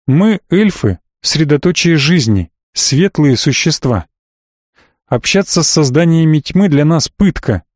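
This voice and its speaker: A man's voice: on the high side, animated, a little slow, dry recording. Male narrator doing a haughty elf man, arrogant, reproachful, audiobook, dry close sound. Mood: solemn. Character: haughty proud male elf, father-in-law. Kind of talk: audiobook reading.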